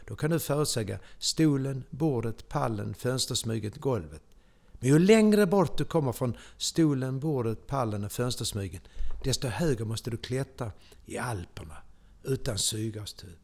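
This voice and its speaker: An older man from Sweden with a Scanian accent, telling personal stories in a theatrical way and breaking into sudden loud exclamations. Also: medium pitch, creaky. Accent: Scanian Swedish. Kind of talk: animated personal storytelling.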